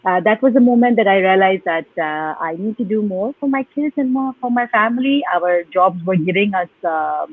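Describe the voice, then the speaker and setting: A woman's voice: mid-range voice, animated, moderate pace, hardly any pauses. A woman from Pakistan, a guest in a live online interview, speaking earnestly with frequent fillers over a video call. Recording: tinny phone-like call line.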